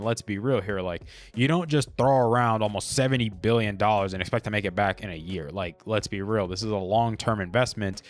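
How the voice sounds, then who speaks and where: Blunt, low-voiced man with faint music. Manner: blunt, opinionated, conversational with frequent fillers. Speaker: podcast host. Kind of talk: unscripted solo commentary.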